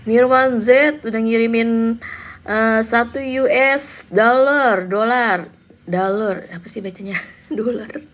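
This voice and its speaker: A woman's voice: on the high side, fairly even intonation, takes it slowly. A woman in her thirties hosting a casual live stream, chatting with viewers and reading out their names and comments. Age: 30s. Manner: chatty, reads out viewer names and answers them.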